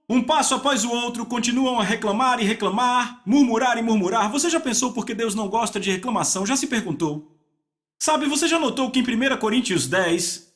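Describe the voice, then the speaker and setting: Preacher, male, high-pitched, call-and-response delivery, drawn-out emphasis. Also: a bit bright. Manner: asks the audience to repeat words and answer back; slows down for weighty phrases. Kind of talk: dubbed sermon.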